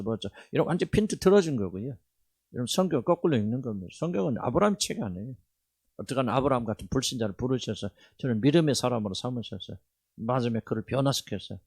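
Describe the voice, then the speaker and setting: A middle-aged man from Jeolla with a Jeolla accent, preaching a sermon as a pastor, swinging between loud bursts and hushed asides. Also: medium pitch, vocal fry, slightly rough, dry recording. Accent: Jeolla dialect. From Jeolla, South Korea.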